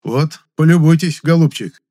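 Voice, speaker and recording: Investigator, male, snide and barking, high and loud; male reader. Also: brisk, close to an everyday voice. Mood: sarcastic. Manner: sarcastic, barking.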